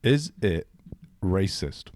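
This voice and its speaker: A man's voice: low-pitched, expressive, takes it slowly, darkish tone, a little hiss or hum. A man co-hosting a podcast in casual chat, laughing often and restarting his sentences. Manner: laughing, stumbling restarts, slangy. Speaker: podcast co-host.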